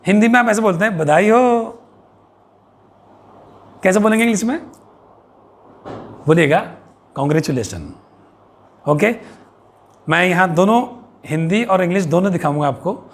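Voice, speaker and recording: A man with an Indian accent teaching English phrases to children and parents, repeating each one slowly and asking the viewer questions. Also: sits high. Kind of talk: bilingual vocabulary lesson for young children and parents.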